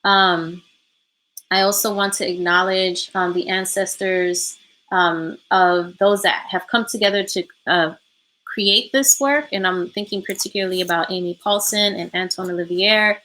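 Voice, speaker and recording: A woman's voice: mid-range voice, fairly even intonation, measured pace, pushed and bright, rough recording. A woman facilitating a healing workshop over a remote call, speaking reflectively with many ums and a habit of ending points with "right?". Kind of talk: reflective online workshop talk. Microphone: remote call from home.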